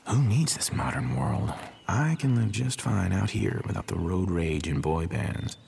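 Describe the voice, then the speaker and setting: Wry gravelly man in a radio ad. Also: sits low, unhurried, slight background noise. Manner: wry, deadpan. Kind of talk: comic radio ad monologue. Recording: music bed behind.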